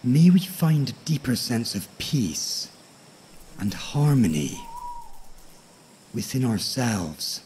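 A man with a husky, breathy voice narrating a bedtime story like a nature documentary, tranquil and measured, with frequent pauses. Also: mid-range voice, very animated, warm tone, slight background noise. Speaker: host of a sleep story podcast.

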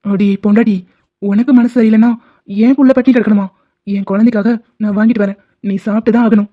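A woman's voice: medium pitch, fairly even intonation, fast talker, close to an everyday voice. A woman voicing a caring young husband in a cartoon drama, speaking firmly and reassuringly. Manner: firm, reassuring. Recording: dull lo-fi sound.

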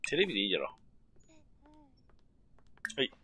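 A middle-aged man talks over a game in a loose, grumbling mutter. His pitch swings widely from low asides to sharp yelps, and his voice has a bright, tense edge. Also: huge pitch swings, fairly quick, slight background noise. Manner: grumbling, muttering running commentary with sudden outbursts. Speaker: gameplay commentator. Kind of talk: casual game commentary.

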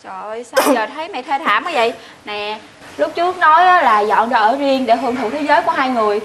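A woman's voice: high-pitched, expressive, quick pace, a bit bright. A woman in her twenties with a southern Vietnamese accent, acting a stubborn, blunt bride-to-be in a comedy skit, insistent and fretful. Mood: exasperated. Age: 20s. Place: indoors, tiled rooms. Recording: echoey room with clear noise.

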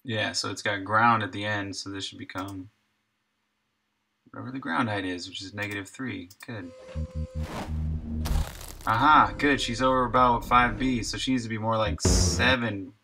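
This American man in his thirties has a lowish voice with vocal fry, talking at a normal speed and pausing often as he casually streams his game development. He's laid-back and slangy and chuckles easily, with music playing behind him on poor audio.

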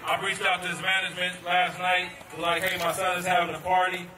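A man's voice: sits high, little pitch movement, a little fast. A middle-aged man, a parent and event organizer, telling a chatty story to a crowd on an outdoor baseball field through a handheld microphone. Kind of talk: addressing a crowd. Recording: echoey, distant, noisy outdoor PA.

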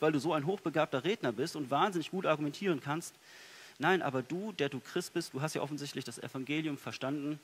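A man preaching a sermon in a church, earnest, moving between soft, quiet passages and emphatic ones. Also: medium pitch, slight background noise. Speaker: pastor.

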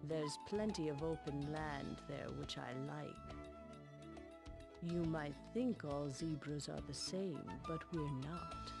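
A woman's voice: low-pitched, heavily acted. A woman voicing a friendly talking zebra in an educational game, explaining plainly to children.

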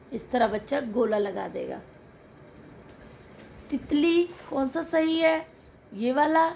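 A woman teacher walking through a children's worksheet, spelling out syllables slowly and drawing out each sound. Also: fairly high pitch, creaky, darkish tone, a little hiss or hum. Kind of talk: worksheet walkthrough lesson.

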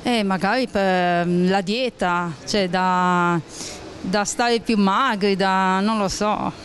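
A woman answering a street interviewer in slow, halting, short phrases, outdoors into a handheld mic. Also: mid-range voice. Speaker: passer-by. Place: outdoors under an arcade. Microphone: handheld mic held by interviewer.

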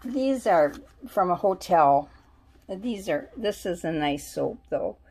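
At home, a vlogger presents the soaps she bought, thinking aloud as she reads each label. She speaks slowly but with animation, in a low, husky voice that's a little mellow.

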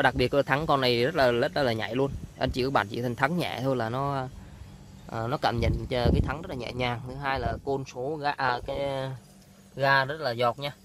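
A man presents a used car in an informal sales walkaround. His voice is medium in pitch, and he speaks haltingly, repeating words as he goes. He is recorded outdoors from behind a handheld camera, with slight street noise around him. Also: a bit bright.

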